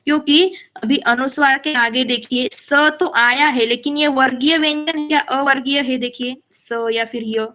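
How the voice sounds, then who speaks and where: Her voice high and sharp with fairly even intonation, a woman instructs a live class in reciting Sanskrit verse. She checks that her students understand, explains patiently, and chants sample lines at a slow pace.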